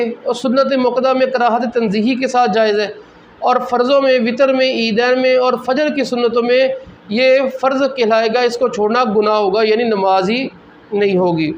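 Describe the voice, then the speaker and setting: High-voiced man teaching a religious lesson. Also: steady tone, lo-fi sound, a little hiss or hum. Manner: explanatory, repeats key points with "theek hai". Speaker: mufti teaching Islamic law.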